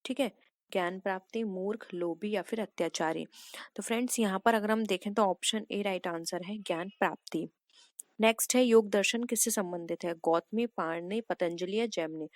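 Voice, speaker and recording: A woman's voice: mid-range voice, normal speed, no room sound, clean studio sound. A woman teacher working through exam practice questions, reading out each set of options and then patiently explaining the right answer.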